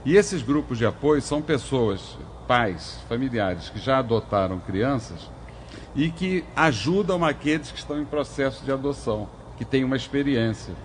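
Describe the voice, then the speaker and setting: A man's voice: medium pitch, lively intonation, moderate pace, a little hiss or hum. An older man, a former judge hosting a legal talk show, who gives earnest warnings and advice. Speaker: host and former juvenile court judge.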